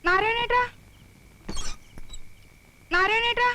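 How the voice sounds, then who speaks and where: A clingy, cooing new bride. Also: female voice, sits high, expressive, fast talker. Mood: calling.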